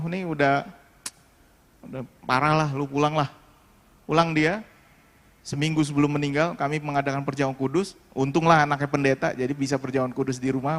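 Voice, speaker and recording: A man's voice: medium pitch, a bit bright, in a large hall. A male pastor giving a sermon and telling a personal story in an emotional, conversational way, speaking straight to the congregation. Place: worship hall.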